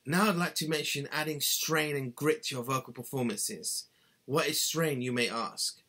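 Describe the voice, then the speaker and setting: A slightly high, bright, forceful male voice at a normal pace belongs to a singing tutor in his thirties. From a cluttered little bedroom, he talks to his webcam through a scripted lesson, earnest and instructive, gesturing with both hands.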